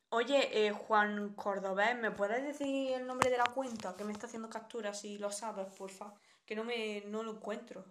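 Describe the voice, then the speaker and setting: A woman's voice: a little high, steady tone, unhurried, fairly bright tone. A young woman from Spain with a Spanish accent, chatting bluntly with viewers on a live stream and reading out their comments. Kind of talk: casual live-stream chat.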